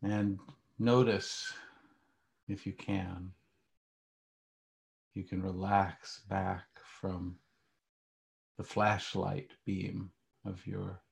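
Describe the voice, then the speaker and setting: A meditation teacher, a man with a very low voice, guides a calm grounding exercise. He speaks very slowly in short, hushed phrases, with a gravelly fry and long pauses between them.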